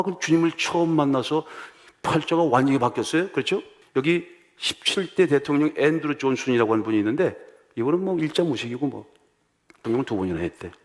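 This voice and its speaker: Korean male pastor, animated storytelling sermon. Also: medium pitch. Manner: animated storytelling with acted-out voices, rhetorical questions.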